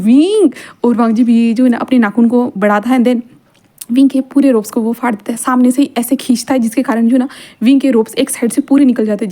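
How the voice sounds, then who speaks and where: A woman's voice: on the high side, warm tone. A young woman telling a fan-fiction story in a rambling, casual way, with many restarts. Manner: rambling, frequent restarts and repeated fillers.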